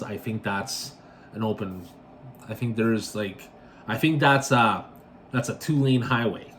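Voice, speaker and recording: A man hosting a casual podcast monologue, rambling and self-correcting, often ending thoughts with a quick tag question. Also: fairly low pitch, a bit bright, slight background noise. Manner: rambling, self-correcting, tags sentences with "right?". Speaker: podcast host.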